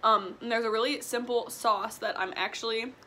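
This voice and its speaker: She speaks at a moderate pace in a steady, sharp, higher-pitched voice, with a little hiss or hum in the recording. The speaker, a twenty-year-old vlogger from Illinois, eats and chats casually while answering viewers in a mukbang Q&A indoors in a small room at home, saying "like" and "um" frequently.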